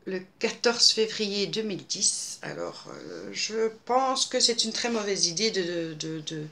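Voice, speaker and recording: Bright-voiced woman in her fifties. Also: medium pitch, big pitch swings, measured pace, vocal fry. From Belgium. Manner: hesitant, many fillers and restarts. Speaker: scrapbooking vlogger answering viewer questions. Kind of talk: casual Q&A monologue.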